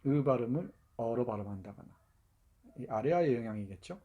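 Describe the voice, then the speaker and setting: A man's voice: medium pitch, animated, a little fast, dark tone. A man giving a university literature lecture, explaining and demonstrating dialect pronunciations, with frequent fillers and restarts.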